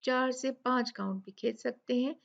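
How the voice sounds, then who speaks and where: A woman teaching Quran recitation rules step by step, patiently explaining and slowly drilling each word. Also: high voice, steady tone, gravelly, dull audio. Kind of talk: step-by-step tajweed lesson.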